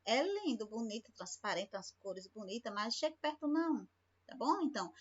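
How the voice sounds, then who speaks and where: A Brazilian woman teaching a remote science lesson to children, explaining slowly and often checking in with the class. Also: a little high, fairly bright tone. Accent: Brazilian Portuguese. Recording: lo-fi home recording.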